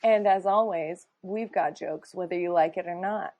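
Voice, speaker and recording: A woman's voice: on the low side, moderate pace, a little mellow, dry recording, muffled recording. A woman co-hosting a podcast in casual, playful, teasing chat. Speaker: podcast co-host.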